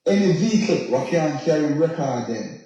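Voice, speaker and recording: A man's voice: a little high, expressive, normal speed, mellow. A man with a Jamaican accent casually telling stories as a radio interview guest, slipping into patois and checking that the listener follows. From Jamaica, left as a youth. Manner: patois-laced, often checks the listener understands. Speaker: dancehall singer, interview guest. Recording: very echoey, roomy sound.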